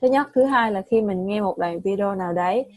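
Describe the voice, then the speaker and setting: A woman's voice: medium pitch, brisk, darkish tone. A woman with a Vietnamese accent teaching English pronunciation, repeating words and correcting a student patiently. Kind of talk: online pronunciation lesson.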